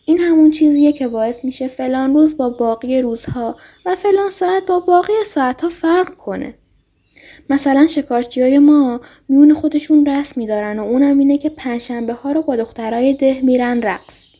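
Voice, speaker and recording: A woman's voice: high-pitched, lightly acted. A woman voicing a wistful tender fox. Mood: longing. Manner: gentle, heartfelt, pleading. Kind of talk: storybook reading.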